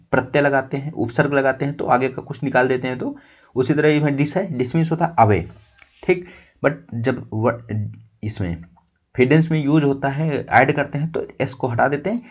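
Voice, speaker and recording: A man runs a vocabulary lesson for exam students. His voice sits at an ordinary middle pitch, and he works through each word patiently, step by step. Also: husky. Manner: explains each word step by step, checking with "ठीक". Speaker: vocabulary teacher.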